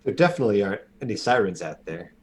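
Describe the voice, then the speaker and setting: A man's voice: on the low side, big pitch swings, rapid-fire, slight background noise. A man playing a tabletop game who makes dry, wisecracking remarks. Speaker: player.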